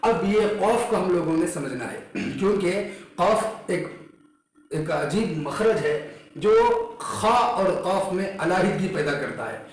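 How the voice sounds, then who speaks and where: A high-voiced man teaching the letters of Quran recitation at an unhurried pace. He explains where each sound is made and repeats the letter again and again for learners. The recording carries a heavy echo from the room. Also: animated. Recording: very echoey room.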